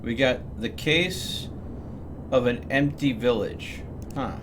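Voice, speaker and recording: This male live streamer, medium in pitch, takes it slowly as he talks through his gameplay, casually explaining each step in a rambling fashion. Clear background noise is present.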